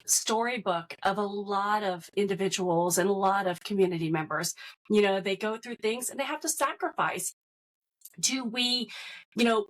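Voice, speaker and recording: A woman's voice: medium pitch, fairly bright tone. A woman hosting a casual roundtable conversation, chatty and laughing easily. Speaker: host.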